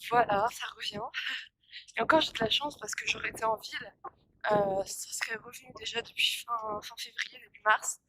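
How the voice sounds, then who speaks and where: On a windy walk, a tired young woman with pollen allergies talks casually to her phone held at arm's length, congested and coughing, rambling and restarting with many fillers. Her fairly high voice sounds pushed and bright, steady in tone at normal speed, and the audio is poor.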